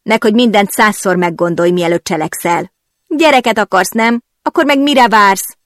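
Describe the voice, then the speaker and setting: A woman's voice: mid-range voice, dry recording, clean studio sound, lightly acted. A woman voicing a carefree, blunt young woman friend who gossips and teases. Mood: bossy teasing. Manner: blunt, giddy and teasing.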